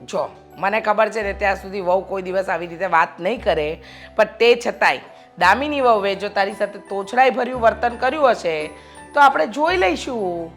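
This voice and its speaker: Lady playing a bossy middle-aged mother-in-law, lectures and scolds, soft music behind. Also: mid-range voice, lively intonation, moderate pace, natural voice. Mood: soothing.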